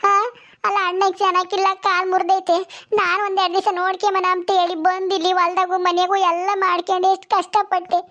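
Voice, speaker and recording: A woman's voice: very high-pitched, monotone, bright, forceful tone, lo-fi sound. A woman playing a tearful young village wife who pleads and pities herself, speaking. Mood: pleading. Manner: tearful, pleading, with many drawn-out "hmm"s.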